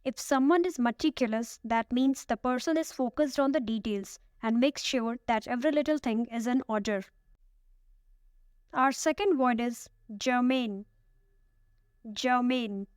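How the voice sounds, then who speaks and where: Woman with a smooth, crisp teaching voice. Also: on the high side, no echo, clean studio sound. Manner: slow, careful word-by-word pronunciation drills. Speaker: vocabulary teacher. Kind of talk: scripted vocabulary lesson.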